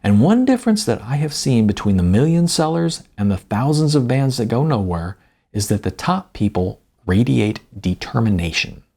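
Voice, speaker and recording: A man narrates his own first-person story from a script, his gravelly, husky voice delivering each phrase with deliberate emphasis. The pitch runs fairly low and the tone is on the dark side.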